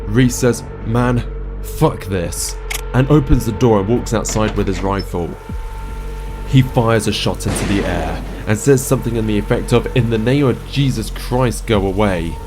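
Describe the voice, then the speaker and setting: A man narrating a first-person horror story in a profane, conversational way. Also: lowish voice. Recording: narration over music bed.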